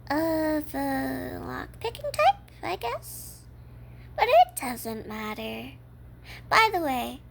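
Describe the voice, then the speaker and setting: A woman's voice: high-pitched, vocal fry, fairly bright tone, a little hiss or hum, exaggerated voice. A woman playing a cheerful, obsessive yandere kidnapper in an ASMR role-play, talking coyly and matter-of-factly to a captive listener. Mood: smug, playful, then deadpan, teasing. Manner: matter-of-fact, coy, addresses the listener as captive.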